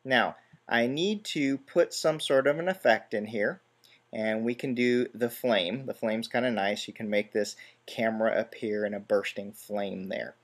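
Man, relaxed tutorial host, walks through steps plainly with dry little asides. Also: on the low side, a little slow. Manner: step-by-step, relaxed, self-deprecating asides. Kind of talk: screen-recorded software tutorial.

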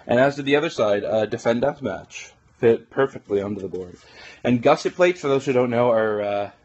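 A man's voice: fairly low pitch, dull audio. A young man from Canada talking casually into his phone camera, wry and rambling with lots of fillers and restarts. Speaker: vlogger. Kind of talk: casual vlog narration. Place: garage, then a barn wrestling show.

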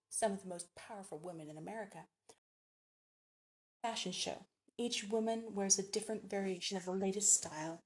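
A woman librarian reading the first chapter of a novel aloud in measured, expressive narration. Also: mid-range voice.

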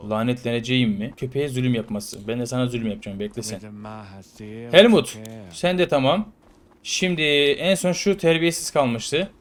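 A man playing a prison game and chatting casually over it, playful and slangy, now and then shouting loudly at the characters. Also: medium pitch, moderate pace. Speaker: gaming YouTuber. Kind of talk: casual let's-play commentary.

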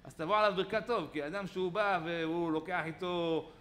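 A man, a rabbi giving a Torah lesson in a study hall, telling stories with lively acted-out quotes. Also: sits high, slight background noise. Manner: animated storytelling with acted-out quotes.

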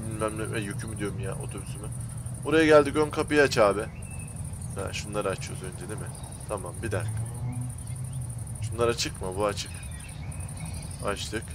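A man's voice: mid-range voice, noisy background. A young man commentating on a game he is playing, talking to viewers in a slangy, exasperated way. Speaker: gaming YouTuber. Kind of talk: gameplay commentary.

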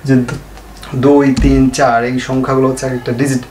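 Male chemistry teacher, mid-pitched, self-questioning lesson style, roomy echo with faint hiss. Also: level tone, brisk, darkish tone. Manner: asks questions and answers them himself, repeats key points. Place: home room, fan switched off. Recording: echoey room, faint noise.

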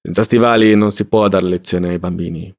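Curt, brooding poor student read by a man, low-pitched, clipped replies. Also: steady tone, brisk, darkish tone, lightly acted.

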